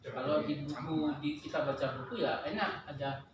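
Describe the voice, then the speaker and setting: A man's voice: on the high side, sing-song, normal speed. A man teaching an Arabic grammar class, patient, often laughing and repeating key terms. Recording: very echoey room with noise.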